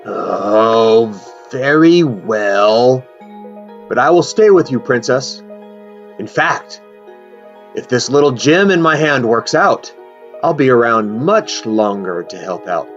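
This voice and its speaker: A woman's voice: very deep voice, expressive, slow, muffled recording, faint music behind, full character voice. A woman playing a dramatic, devoted male wizard in an acted fantasy scene, grandiose and grave by turns. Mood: resigned, devoted. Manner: theatrical, swooping between grandiose and grave.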